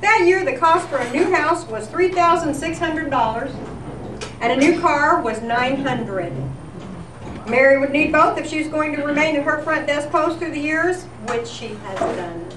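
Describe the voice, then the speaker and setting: Expressive and at a moderate pace, a woman with a high voice hosts a live event in a senior center, delivering scripted comic tribute narration in golden-age radio newscast fashion. The sound is echoey and noisy, picked up from a distance.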